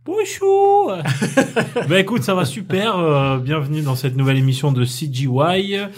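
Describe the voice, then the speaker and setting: A man co-hosting a casual podcast, playful, with quick interjections. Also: on the high side, animated. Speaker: podcast co-host.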